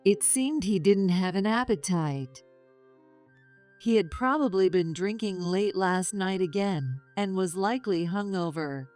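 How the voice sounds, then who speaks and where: A middle-aged woman calmly narrating a first-person story in a measured, confessional way. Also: mid-range voice. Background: faint music.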